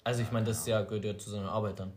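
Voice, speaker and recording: A man's voice: on the low side, little pitch movement, very fast, a loud crowd. A young man co-hosting a podcast in casual, slangy chat with friends. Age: young adult. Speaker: podcast co-host. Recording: roomy echo, faint noise.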